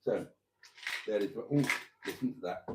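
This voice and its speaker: Heavy background noise surrounds this British man in his fifties as he hosts a casual live stream. He speaks unhurriedly with a fairly low pitch, rambling with lots of ums, being self-deprecating and addressing viewers as darlings.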